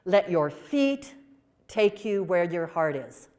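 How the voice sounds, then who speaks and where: A woman voicing a tender mother who speaks slowly and gently to her daughter. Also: fairly low pitch, big pitch swings. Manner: slow and gentle, drops to a whisper.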